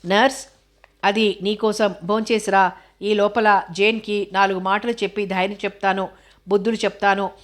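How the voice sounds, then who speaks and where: A woman voicing a kindly older male doctor who asks slow, gentle questions, in an audiobook reading. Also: mid-range voice, little pitch movement, natural voice.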